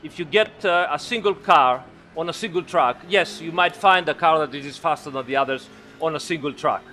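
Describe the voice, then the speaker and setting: A man's voice: a little high, normal speed, bright, forceful tone, soft background music. A man chatting casually as he drives in a sim race. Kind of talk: casual chat while racing. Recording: faint engine noise. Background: racing car sounds.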